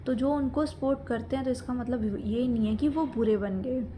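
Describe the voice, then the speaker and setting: Young woman, indignant lecturing monologue to camera, mellow slightly high voice, faint background noise. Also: normal speed. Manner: indignant, lecturing the viewers directly. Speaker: social media commentator. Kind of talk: opinion monologue.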